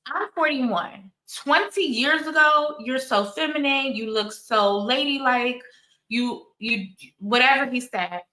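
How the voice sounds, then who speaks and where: A woman's voice: high voice, takes it slowly, bright, forceful tone, reverberant, poor audio. A woman in her forties hosting her own channel, chatting candidly and telling stories with many asides. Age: 40s. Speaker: channel host. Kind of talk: casual commentary chat.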